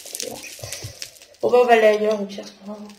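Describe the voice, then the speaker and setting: A young woman with a French accent giving casual gameplay commentary, thinking aloud with quick exclamations. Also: medium pitch, little pitch movement, a little mellow. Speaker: gamer. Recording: echoey room with noticeable noise.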